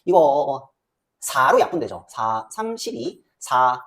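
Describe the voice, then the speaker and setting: A woman teaching a math class, talking students through the steps with quick questions and muttering as she works out the numbers. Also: rumbling low. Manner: lively, banmal with quick questions to students, muttering while calculating. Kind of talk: classroom lecture.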